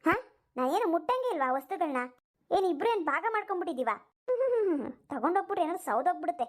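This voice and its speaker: A woman's voice: very high voice, very animated, fast talker. A woman voicing a proud, defensive elder daughter-in-law in a cartoon. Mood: resentful. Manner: defensive, retorting. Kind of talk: cartoon voice acting.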